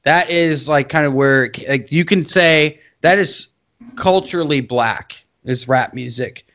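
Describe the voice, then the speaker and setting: A man's voice: a little high, unhurried, fairly bright tone. A man co-hosting a podcast in casual chat, rambling and swearing, often laughing between phrases. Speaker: podcast co-host. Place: podcast studio.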